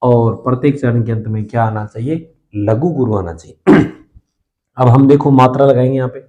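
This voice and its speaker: A man teaching a lesson on Hindi poetic meter. He explains step by step, counts syllables aloud and often checks in with a quick "okay", clearing his throat now and then. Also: mid-range voice, dark tone, highs cut off.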